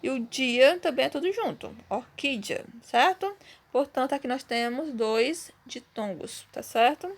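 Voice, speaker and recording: Gravelly-voiced teacher, patient and methodical. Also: female voice, sits high, expressive, unhurried. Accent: Brazilian Portuguese. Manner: patient, explains step by step with frequent "tá bom?" check-ins. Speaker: Portuguese teacher. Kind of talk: recorded online class.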